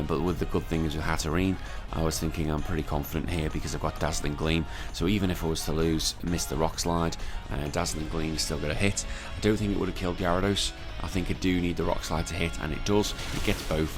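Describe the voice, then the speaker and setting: A young British man giving casual game battle commentary, keeping his voice down and subdued at night. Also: a bass voice. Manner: subdued, hushed voice kept down at night. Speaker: gaming content creator. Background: clear background music.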